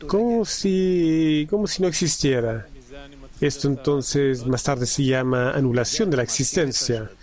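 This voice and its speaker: A man interpreting a spiritual lesson live. He relays it in halting phrases, with frequent restarts and repeated words. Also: medium pitch, darkish tone. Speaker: simultaneous interpreter.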